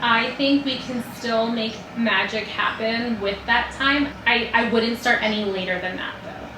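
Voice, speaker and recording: A woman's voice: fairly high pitch, a little slow. A woman in her thirties chatting casually to camera for her vlog, rambling with lots of filler words and sounding stuffy from a cold. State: congested from a cold. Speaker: vlogger. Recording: echoey room with loud background noise.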